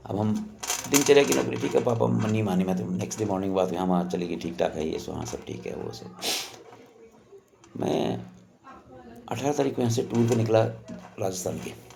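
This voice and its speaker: A man's voice: lowish voice, animated, normal speed, vocal fry, long pauses, background noise. An older man casually telling a personal story in a rambling, conversational way, often acting out what others said. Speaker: storyteller recounting a personal memory.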